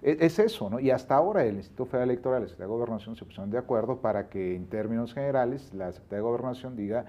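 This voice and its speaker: A man's voice: mid-range voice, animated, rapid-fire, few pauses, mellow, dull audio. A Mexican man speaking as a guest on a talk show, explaining at length and citing laws, years and figures.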